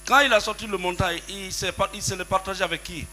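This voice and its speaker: A male lawyer cross-examining in a courtroom, his voice bright and forceful. He keeps pressing and repeats his questions until he gets an answer. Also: high-pitched, steady tone, quick pace, soft background music, rough recording. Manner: persistent, repeats pointed questions.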